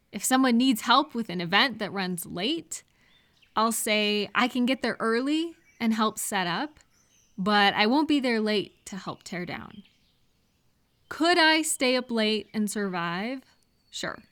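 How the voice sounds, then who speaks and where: Speaking to one listener as if in conversation, a woman with a mid-range, slightly bright voice offers supportive advice in an audio roleplay. Her manner is reassuring and explanatory.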